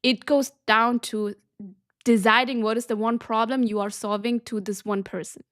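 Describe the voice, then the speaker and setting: A woman's voice: fairly high pitch, steady tone, moderate pace, fairly bright tone, no echo, clean studio sound. A woman business coach teaching a lesson, emphatic and direct, often checking in with her listeners. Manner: emphatic, keeps checking in with "okay?".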